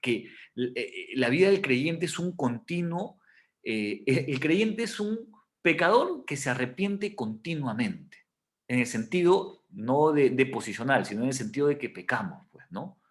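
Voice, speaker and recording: Guy teaching bible class, animated pitch, explains slowly and keeps checking students follow. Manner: explanatory, frequent "o sea" and "¿ok?" check-ins; answers students' questions.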